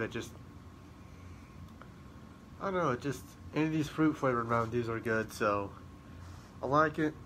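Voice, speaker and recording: A man's voice: medium pitch, bright, forceful tone, a little hiss or hum. A man reviewing drinks in a casual vlog, rambling and upbeat, repeating his sign-offs and sometimes out of breath. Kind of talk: casual vlog talk to camera.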